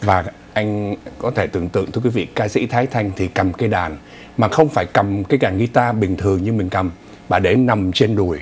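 A man's voice: on the low side, brisk, slight background noise. A middle-aged man hosting a studio news talk show, speaking with many fillers and hesitations.

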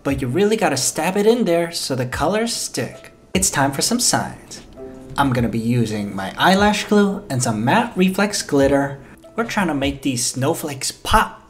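A young man doing a comedic voiceover for a makeup video, playful and jokey, swearing freely and throwing in loud exclamations. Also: on the high side, very animated, normal speed. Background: faint background music.

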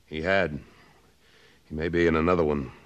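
In a 1950s radio western drama, an actor with an extremely low voice plays a tough cattle rancher and former cavalryman who talks in a blunt, pressing way. His intonation is fairly even and his speed normal, and the recording has its highs cut off.

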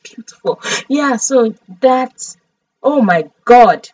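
A woman's voice: mid-range voice, slow pace, dry recording, far from the mic, low-quality recording. A Nigerian woman streaming a farming game, chatty and dramatic as she talks through each step.

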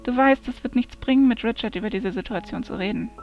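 A calm, caring female dark fairy who speaks softly, almost in a whisper, voiced by a woman reading a storybook. The voice sits fairly high. It comes through a dull, lo-fi recording with faint music. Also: fast, lightly acted. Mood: soothing. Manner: soft, whispering. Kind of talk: amateur fantasy audiobook reading.

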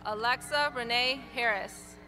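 A woman reading graduates' names one by one at an outdoor graduation ceremony, in a clear, measured announcing manner. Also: fairly high pitch, raised voice, over music. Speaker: graduation name reader. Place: outdoor stadium ceremony over PA.

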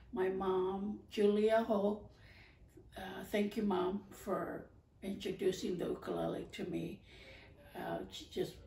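A middle-aged woman from Hawaii talking casually to camera about her ukulele videos, pausing often with fillers. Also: mid-range voice, gravelly, darkish tone, a little hiss or hum. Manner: halting, many fillers, gestures while talking. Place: living room, indoors. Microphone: far camera. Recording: echoey room from a distance.

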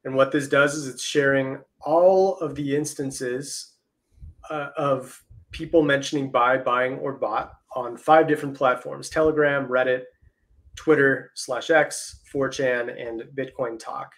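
A man's voice: medium pitch, fairly even intonation, a little slow, a bit bright. A man talking through crypto market charts on a livestream video call, explaining step by step.

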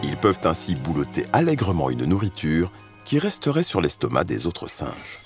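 Deep-voiced man narrating a nature documentary. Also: wildly swooping pitch, moderate pace, over music.

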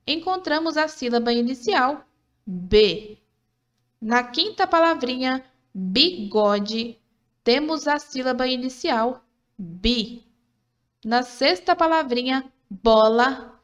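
A woman's voice: sits high, a bit bright, muffled recording. A woman narrating a scripted literacy lesson for children, patient and encouraging, sounding out syllables one by one. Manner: slow, patient, syllable-by-syllable teaching; encouraging, asks questions then answers them.

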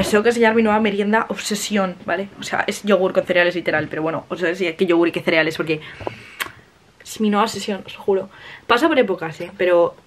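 Young woman, rapid chatty vlog talk, casual swearing. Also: medium pitch, slight background noise. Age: early 20s. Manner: chatty, swears casually, mixes in English words. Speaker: vlogger. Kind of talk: casual vlog chat to camera.

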